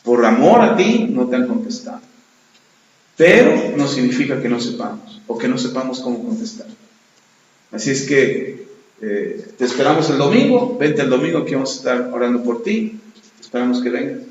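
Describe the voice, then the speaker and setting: A pastor preaching a sermon, retelling a story and acting out both sides of the dialogue. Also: male voice, mid-range voice, lively intonation, normal speed, darkish tone. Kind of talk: sermon with retold anecdote. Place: church. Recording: echoey church hall, dull lo-fi sound.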